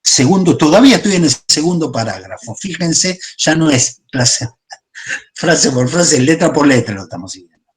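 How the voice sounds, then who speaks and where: A man's voice: on the high side, lively intonation. A man giving a class lecture, explaining step by step and often checking in with "¿sí?". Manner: explanatory, asks "¿sí?" often, pauses and restarts. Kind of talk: class lecture on psychoanalytic theory.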